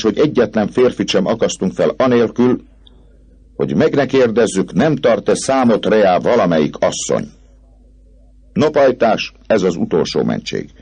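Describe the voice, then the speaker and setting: Guy doing a gravelly, husky vagabond king yelling and mocking like an auctioneer, audiobook. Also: fairly low pitch, voice pushed up, exaggerated voice. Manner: shouting, mocking, theatrical. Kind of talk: audiobook reading.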